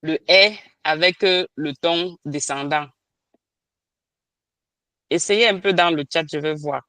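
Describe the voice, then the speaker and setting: A man's voice: a little high, takes it slowly, pushed and bright, smooth, dry recording. A man leading an online training session, explaining a keyboard step by step, hesitant with many restarts and fillers. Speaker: language trainer.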